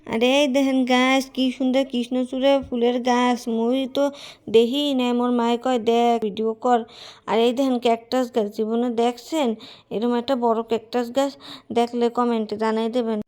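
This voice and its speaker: A woman's voice: a little high, level tone, moderate pace, darkish tone. A woman vlogger speaking in a Barishal Bengali dialect, chatting casually with viewers while she walks outdoors along a village road. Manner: chatty, keeps addressing viewers; talks while walking. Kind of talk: casual travel vlog.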